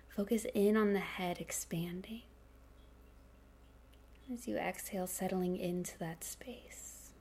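A woman leading a guided meditation in a soft, breathy, calming near-whisper. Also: fairly low pitch. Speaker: meditation instructor.

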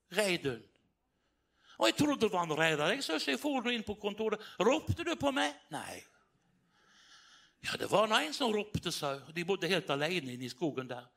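Male preacher, high voice, fervent storyteller, sermon in a meeting hall. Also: creaky. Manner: animated, rising to fervent exclamations.

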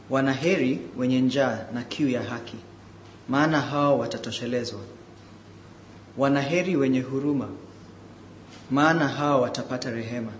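A man reading scripture aloud as a Bible reader. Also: medium pitch. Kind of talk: scripture reading and short personal remark. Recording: echoey room with faint background noise.

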